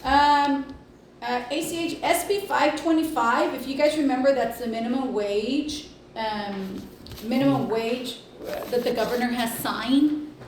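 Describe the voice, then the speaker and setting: In an echoey indoor meeting room, faintly noisy and recorded from a distant mic, a woman with a voice that sits high reports informally to the board as a healthcare district executive. Her delivery is hesitant and halting, with many long pauses.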